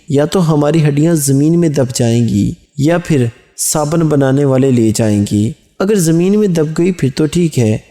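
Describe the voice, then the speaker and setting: A man's voice: mid-range voice, dark tone, lightly acted. A man playing a fretful young village recruit. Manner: long chained reasoning, matter-of-fact.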